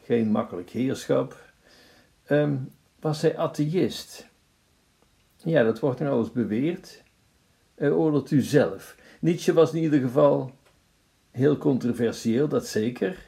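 A man preaching a sermon. He tells a story in a measured way and addresses his listeners formally. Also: mid-range voice, vocal fry, mellow.

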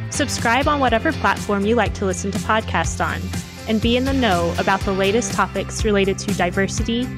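A woman co-hosting a podcast, reading the intro and asking friendly questions in a measured way. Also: medium pitch, over music. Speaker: podcast co-host.

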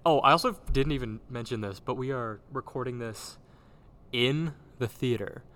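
A man hosting a casual chat in a halting, circling way, recorded in a large old gym with big-hall echo. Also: medium pitch, a bit bright. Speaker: podcast host and theater director. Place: large old gymnasium used as a theater, indoors. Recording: roomy big-hall echo, background noise.

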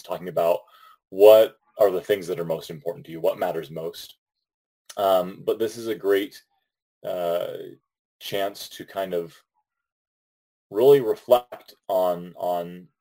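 Low, mellow man on a podcast. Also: rough recording. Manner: hesitant, many ums and restarts, laughs often. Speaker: podcast co-host. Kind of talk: casual podcast chat.

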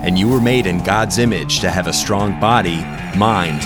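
Low-voiced guy doing a motivational life coach podcast intro, loud guitar underneath. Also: normal speed. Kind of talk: scripted promotional intro narration. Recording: loud guitar music bed. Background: guitar music.

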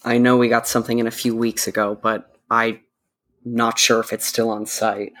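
Very low-voiced woman player, dry replies. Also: little pitch movement, moderate pace, a bit bright. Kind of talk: playing a tabletop game.

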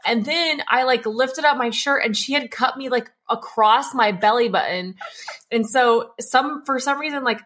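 A woman's voice: a little high, fairly bright tone. A woman co-hosting a podcast, chatting casually and telling stories with many "like" fillers. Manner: rambling storyteller with many "like" fillers. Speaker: podcast co-host.

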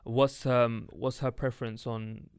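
A man's voice: mid-range voice, level tone, measured pace, smooth, no echo, studio quality. A young man with a London roadman accent and slangy street delivery, hosting a casual podcast chat. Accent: London, urban street slang (roadman). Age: young adult. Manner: slangy urban street way of talking. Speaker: podcast host.

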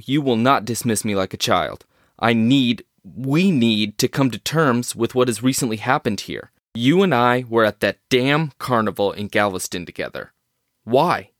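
A man's voice: medium pitch, no room sound, lightly acted. Man playing a rattled, emphatic scientist, dry close sound. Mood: agitated, disbelieving. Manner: emphatic, theatrical, formal diction. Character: agitated male scientist, skeptical, rattled and wordy. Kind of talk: dramatic audio drama acting.

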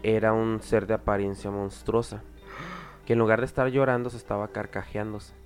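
A man with a Mexican accent hosting a podcast, telling a story in a casual, halting way with many filler words and restarts. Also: on the low side, level tone, faint music behind. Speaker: podcast host.

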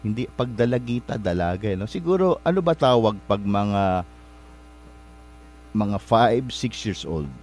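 A man hosting a show, telling a motivational story in a polite, rambling way, often pausing to search for words and correct himself. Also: on the low side, expressive, a little mellow, a little hiss or hum. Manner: polite, addresses listeners with respectful particles. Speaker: host.

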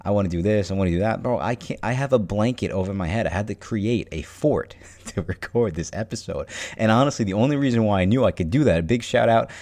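A man's voice: fairly low pitch, fast, a little mellow. A male podcast host talking casually and energetically, full of slang and swearing, muffled because he is recording under a blanket over his head. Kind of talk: casual motivational podcast talk. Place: empty, unfurnished new house, inside a blanket fort.

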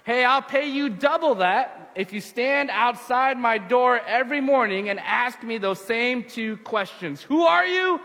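Preacher doing a witty old rabbi shouting up, bright tone, reverb. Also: male voice, very high-pitched, expressive, unhurried, few pauses, pitched above the performer's own voice, heavily acted. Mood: wry. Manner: shouted, wry comebacks.

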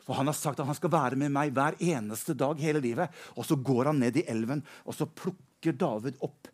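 A man preaching, retelling a Bible story in a lively, animated way. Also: medium pitch, husky. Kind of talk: storytelling sermon.

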